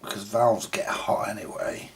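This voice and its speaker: A British man repairing vintage radios for a video talks casually as he works, thinking out loud and grumbling softly to himself. His voice is lowish, at a moderate pace.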